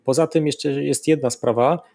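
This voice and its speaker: A man speaking as a guest military analyst, giving measured expert commentary and often pausing with filler sounds. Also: on the high side, steady tone, gravelly, mellow, no room sound, studio quality.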